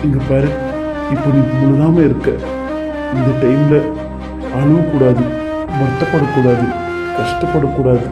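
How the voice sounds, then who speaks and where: A man voicing a devoted husband and father-to-be in an animated serial, emotional and reassuring. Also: mid-range voice, close to an everyday voice. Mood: soothing. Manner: emotional, reassuring, talks in long rushes. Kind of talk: cartoon serial voice acting. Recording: dull lo-fi audio with faint music.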